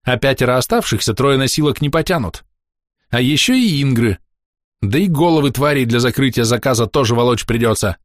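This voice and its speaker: A man voicing a grumpy, sharp-tongued woman healer who scolds and snaps in a raised voice. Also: medium pitch, lively intonation, fairly quick, no echo, studio quality, voice pushed up, natural voice. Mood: grumbling.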